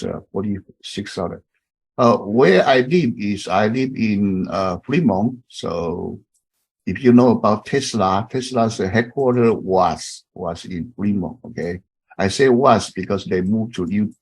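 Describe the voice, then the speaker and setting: A man in his fifties from Taiwan with a Taiwanese accent, a professor introducing himself to an online class in halting speech full of fillers and restarts. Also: deep voice, a little mellow, breathy edge.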